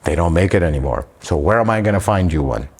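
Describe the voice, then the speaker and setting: Mechanic, male, low voice with lively swings, exasperated explainer, reverberant shop. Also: fast, husky. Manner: animated, exasperated, addresses viewers as folks. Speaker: auto repair shop owner. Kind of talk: shop-floor explainer talk. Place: auto repair shop garage.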